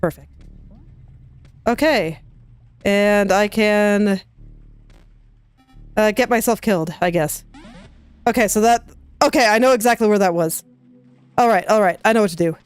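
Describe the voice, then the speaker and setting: This let's play gamer has a medium-pitched, clean voice, recorded dry. She chats casually to herself while playing a video game, her running commentary dotted with quick laughs.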